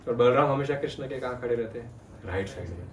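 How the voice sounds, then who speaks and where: Talking fast in a medium pitch, the spiritual storyteller retells scripture and quizzes his listeners with animated energy. The distant mic yields a roomy recording carrying a little hiss or hum.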